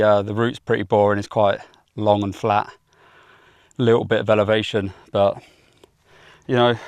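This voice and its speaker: A man's voice: mid-range voice, no room sound, low-quality recording. A young man vlogging outdoors while hiking a mountain, talking in a chatty, blunt, self-mocking way and swearing casually. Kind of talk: casual vlog talk to camera.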